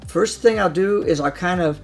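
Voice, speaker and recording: A man's voice: high-pitched, moderate pace, gravelly, soft background music. A man explaining his craft as a hypnosis trainer in an interview, emphatic and repeating phrases for stress.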